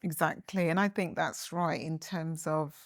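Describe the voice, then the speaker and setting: Female host, London accent, notably low pitch. Conversational interview delivery, dry close sound. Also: steady tone, a little slow, no echo. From London, England.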